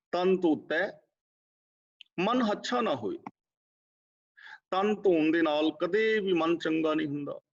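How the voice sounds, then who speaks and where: A man giving a scripture exposition class, chanting verses slowly and explaining them in a measured way. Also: fairly high pitch. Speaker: Sikh scripture teacher. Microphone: video call. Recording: dull lo-fi online class audio.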